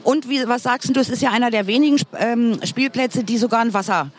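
A woman with a slightly high, brisk voice hosts a casual street reportage for a podcast in an outdoor urban public square. She is chatty and rambling, with a playful way of talking.

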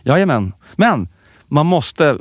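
Male podcast co-host, animated storyteller, lively pitch, dry close sound. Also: no room sound. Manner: animated storytelling, many restarts. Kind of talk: casual chat.

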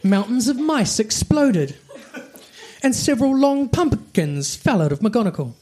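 A very high, warm voice, very animated and a little slow, belongs to a man giving a dramatic storybook-style reading of comic fan fiction. The recording has faint background noise and clicks.

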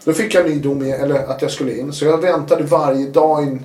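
A man, a guest telling his story in a casual interview, animated and acting out what people said. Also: a little high, reverberant. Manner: animated, acts out quotes with sudden loud bursts.

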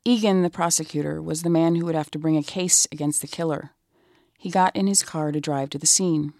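A reporter giving measured, scripted narration of a true-crime story. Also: medium pitch, darkish tone, no echo, clean studio sound.

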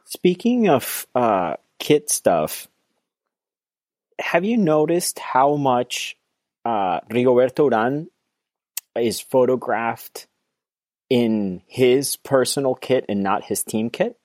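A man of middle pitch chatting casually on a podcast, relaxed and conversational, sometimes trailing off mid-sentence. His voice is recorded dry and close, with no room sound. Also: slow, no room sound. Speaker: podcast co-host. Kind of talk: casual chat.

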